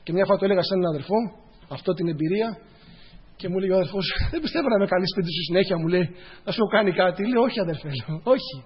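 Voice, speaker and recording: High-voiced husky man preaching. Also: expressive, highs cut off. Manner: addresses the congregation as brothers, tells personal stories; repeats phrases for emphasis. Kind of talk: sermon.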